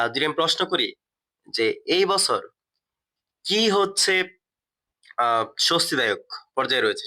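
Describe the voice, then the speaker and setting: A man's voice: on the high side, sharp tone. A man teaching a step-by-step lesson, asking and answering his own questions and often repeating key words. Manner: many fillers and restarts, repeats key words. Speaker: English teacher.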